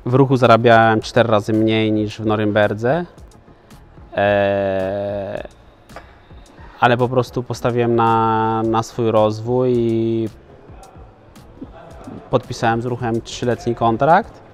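Thirties male athlete, halting casual answers, lowish voice, faint music bed. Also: level tone. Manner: hesitant, many filler sounds and restarts. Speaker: professional footballer, guest.

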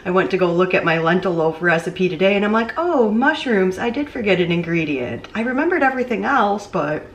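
Brisk and lively in intonation, this mid-range female voice sounds muffled and far from the microphone. She's a thirtysomething cooking vlogger chatting as she cooks and walks about a small kitchen; the camera mic's distance shifts, with echo and off-mic moments.

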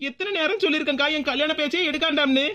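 A woman voicing a stubborn young bride-to-be in an animated cartoon, speaking with a Tirunelveli Tamil accent in rapid, protesting bursts. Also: sits high. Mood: tearful.

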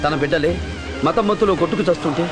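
An actor playing a righteous, self-sacrificing film hero, speaking in an earnest, declamatory, melodramatic way. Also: male voice, fairly high pitch, fast talker, lightly acted. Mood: impassioned. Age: middle-aged. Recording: film scene with music behind.

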